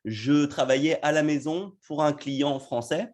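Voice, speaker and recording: French man panelist, lively and self-mocking. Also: a little high, measured pace. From France. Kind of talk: panel discussion.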